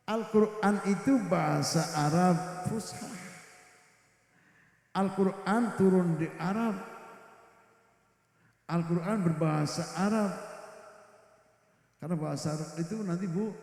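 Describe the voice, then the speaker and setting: A man's voice: a little high, creaky, a little mellow. A middle-aged man, teaching Quran reading to a women's gathering. He stresses his points by repeating them and now and then asks the audience questions. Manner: emphatic, repeats key phrases, chats with the audience. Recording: very echoey hall with long reverb.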